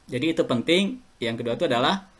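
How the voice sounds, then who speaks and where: Guesting on a casual podcast as an alumnus, a middle-aged Indonesian man chats away with anecdotes and frequent chuckles. His medium-pitched voice moves with lively intonation, and he talks fast.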